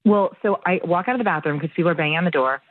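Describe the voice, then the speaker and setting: Young woman, radio caller, chatty storytelling, phone-line sound, slight background hiss. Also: lowish voice. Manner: chatty, quick run-on storytelling. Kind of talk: casual phone call storytelling. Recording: tinny phone line with faint noise.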